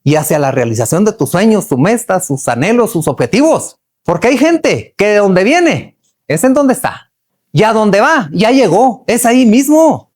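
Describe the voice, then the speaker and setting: Lively motivational speaker, folksy. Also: male voice, sits high, normal speed. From Chihuahua, Mexico. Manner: folksy, earthy slang, asks the audience many questions. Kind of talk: motivational talk to workers.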